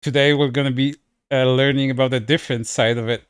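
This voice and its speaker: A man's voice: mid-range voice, steady tone, quick pace, clear, resonant tone, no room sound, clean studio sound. A man chatting casually on a livestream, speaking bluntly and crudely in a scornful way into a headset mic.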